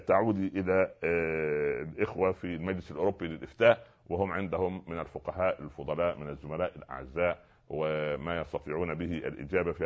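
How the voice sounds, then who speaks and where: A man hosting a religious call-in show, preaching earnestly and joking gently with callers. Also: low-pitched. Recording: dull lo-fi broadcast sound.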